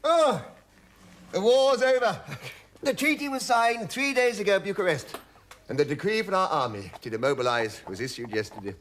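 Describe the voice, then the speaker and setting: A man's voice: high-pitched, expressive, moderate pace, fairly bright tone, slight background noise. A man playing a blustering old-fashioned army major. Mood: genial. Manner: genial, chuckling and blustering. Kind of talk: stage play acting.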